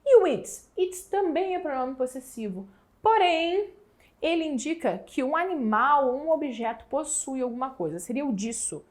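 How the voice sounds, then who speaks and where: A woman from Brazil with a Brazilian Portuguese accent, teaching an exam prep English lesson and slowly stretching out the example words. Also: high-pitched, sing-song.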